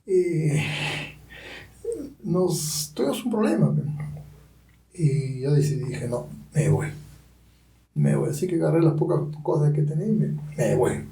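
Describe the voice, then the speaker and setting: A man's voice: a little high, animated, measured pace, creaky, pauses often, mellow. A middle-aged man with a Peruvian Spanish accent, a pastor telling his personal testimony as a dramatic storyteller who often adds tag questions. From Peru. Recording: roomy sound from a distant mic.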